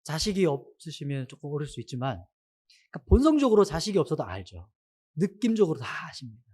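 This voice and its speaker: A man's voice: a little high, fast talker, slightly rough. A man preaching a sermon to his congregation, asking them many questions. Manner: asks the congregation many questions, animated rise and fall.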